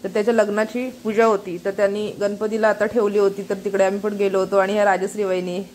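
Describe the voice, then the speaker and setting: A woman walks viewers through a neighbour's festival visit, talking in an even, barely moving voice. It sounds like a phone recording. A faint hiss and the surrounding ambience sit under her words. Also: mid-range voice, quick pace. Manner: flat, running commentary to viewers. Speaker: vlogger. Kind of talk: casual vlog narration. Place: neighbour's home during a festival visit, rain outside.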